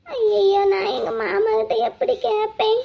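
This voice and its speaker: Cartoon: a woman playing a naive young bride-to-be, very high, gravelly, whiny. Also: steady tone, measured pace, dull audio, heavily acted. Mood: pleading. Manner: whiny, pleading.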